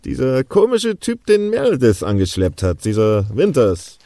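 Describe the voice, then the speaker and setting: An actor playing an earl's defensive, irritable brother in a murder-mystery drama, evasive and blustering. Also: male voice, medium pitch, wildly swooping pitch, normal speed, warm tone, dry recording. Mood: irritated.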